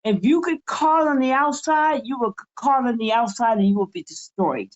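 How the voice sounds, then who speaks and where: A woman's voice: a little high, animated, normal speed, dull audio. An older woman co-hosting a spiritual talk show, speaking in an impassioned, pleading and repetitive way. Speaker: co-host.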